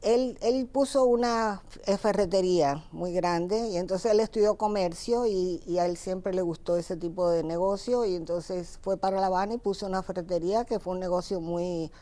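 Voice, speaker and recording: Older woman, Cuban accent, author being interviewed, low-pitched, warm, mellow tone. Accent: Cuban Spanish. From Cuba. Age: 70s. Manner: unhurried, many fillers and restarts. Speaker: author and guest. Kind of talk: interview storytelling.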